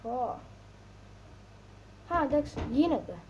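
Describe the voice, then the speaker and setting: A woman's voice: high voice, lively intonation, a crowd in the background. A woman casually commentating on her gameplay with a mocking, joking running commentary. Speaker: gamer. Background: game sounds.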